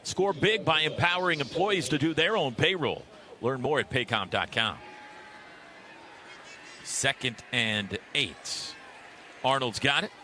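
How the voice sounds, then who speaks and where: A man in a stadium broadcast booth calls live radio play-by-play for a football game in a mid-range, sharp-toned voice with lively intonation, speaking unhurriedly and pausing often. He uses clipped, vivid phrases that build on big plays, over clearly noisy live stadium sound.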